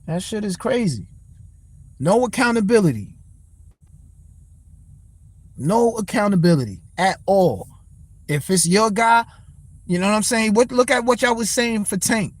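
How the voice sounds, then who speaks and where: High-voiced man ranting profanely about boxing. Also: animated, a little slow, long pauses, no echo. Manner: profane, blunt, rants and answers chat. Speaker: livestream host. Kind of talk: casual boxing talk livestream.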